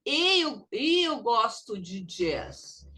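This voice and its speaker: Very slow, high-voiced woman teaching English. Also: very animated, bright, forceful tone. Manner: models phrases slowly for repetition, then explains in Portuguese. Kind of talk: slow, drilled language lesson.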